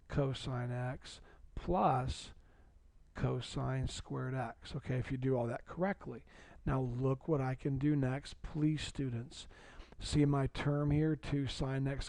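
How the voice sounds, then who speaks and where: A man's voice: mid-range voice, vocal fry, darkish tone, no echo. A man teaching a precalculus video lesson, patiently walking through steps and repeating key points. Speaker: math teacher.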